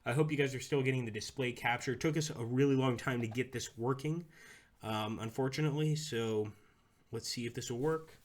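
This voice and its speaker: A man live-streams a strategy game, rambling casually as he chats with viewers and talks through his moves. His voice is mid-range and his pace brisk.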